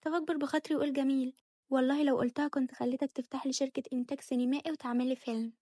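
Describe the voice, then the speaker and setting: A woman's voice: high-pitched, flat delivery, rapid-fire, warm tone, husky, dry recording, clean studio sound. A woman with an Egyptian accent voicing a spoiled, cheeky young wife who talks in a sassy, bratty way. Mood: coaxing. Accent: Egyptian Arabic.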